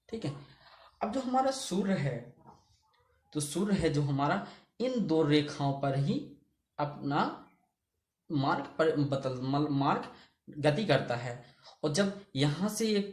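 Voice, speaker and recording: A man's voice: fairly high pitch, darkish tone, roomy sound. A man teaching a geography lesson who keeps asking the class questions and answering them himself. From India.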